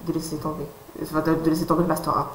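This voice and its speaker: A woman's voice: sits low, little pitch movement, rapid-fire. A woman interviewing a guest, asking questions hesitantly with many fillers and restarts. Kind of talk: casual interview. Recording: roomy sound with faint noise.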